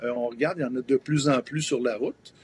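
A man's voice: mid-range voice, steady tone, brisk. Québécois man in his fifties, hesitant explainer on a remote TV link, faint hiss behind. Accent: Québécois French. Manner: hesitant, many fillers, explanatory. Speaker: event promoter. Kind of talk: live TV interview. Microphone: remote video link.

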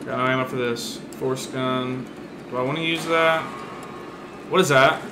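A man doing let's play commentary on a horror game, excitable and jumpy, swearing often. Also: mid-range voice, unhurried. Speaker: gaming video host. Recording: roomy with steady background noise.

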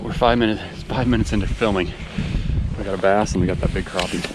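Out on a frozen pond, a man in his forties who runs a fishing vlog chats casually as he ice fishes, talking quickly in a lowish voice. His tone leaps with excitement whenever a fish bites, and his body-worn action camera picks up heavy wind noise.

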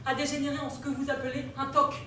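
A woman's voice: high-pitched, flat delivery, fast talker, pushed and bright, slight background noise. An actress playing a prim, anxious, pious woman on an amateur stage, heard from far off in an echoey hall. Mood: fussy. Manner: prim, anxious, exclaims to saints. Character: pious, fussy woman who checks everything.

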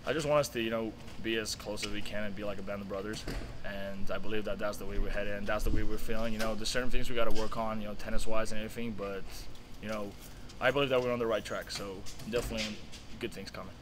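A young man speaks quickly in a low, fairly flat voice, earnest and casual, leaning on "you know" and "like". He is recorded close up outdoors at night beside tennis courts, with clear outdoor noise behind him. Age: young adult. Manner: casual, filler-heavy, earnest. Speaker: college tennis player. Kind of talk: post-match interview.

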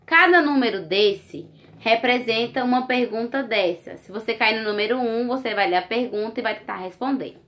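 A woman teacher, talking young children through a lesson in a slow, coaxing, sing-song way and checking in with them often. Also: a little high, fairly bright tone. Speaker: primary school teacher.

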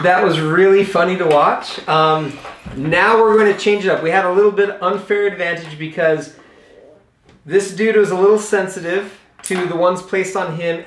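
A man's voice: fairly high pitch, a bit bright. A man in his thirties, a father casually hosting a family challenge video and explaining it, recorded at home on a camera mic. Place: small dining room at home, indoors. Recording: echoey room, clear background noise.

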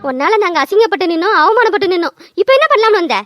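Brief: scolding old village mother-in-law, a woman does her, very high and quick. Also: animated, muffled recording, soft background music. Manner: scolding, sarcastic. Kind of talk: cartoon voice acting.

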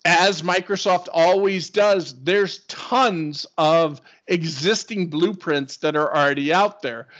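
A man's voice: a little high, slow, hardly any pauses, fairly bright tone. A man presenting a screen-share tech webinar, explaining in an enthusiastic, conversational way. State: hiccups. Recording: dull lo-fi webinar audio.

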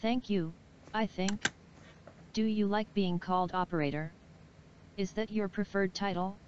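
A woman voicing a female AI computer that has just been rebooted, speaking quietly and hesitantly. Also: medium pitch, fairly even intonation, measured pace, slight background noise, close to an everyday voice. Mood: groggy. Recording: dull lo-fi sound.

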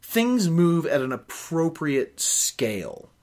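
A young man hosting a book-reading show reads a novel aloud from a small indoor home office, breaking off for nitpicky opinions. His voice is a little high and a little mellow, very animated, and delivered at a slow pace.

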